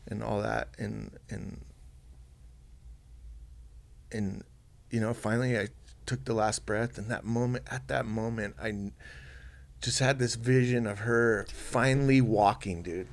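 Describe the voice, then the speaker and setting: A man talks through a personal story on a podcast. His voice sits low and gravelly. He speaks softly and haltingly, with plenty of fillers and restarts. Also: steady tone. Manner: soft-spoken, halting, many fillers and restarts. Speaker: podcast guest.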